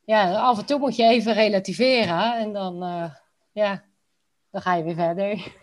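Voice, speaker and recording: A woman's voice: medium pitch, moderate pace. A woman from Rotterdam with a Rotterdam Dutch accent, answering interview questions in a casual, colloquial way. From Rotterdam, Netherlands. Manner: informal and colloquial. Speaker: interview guest.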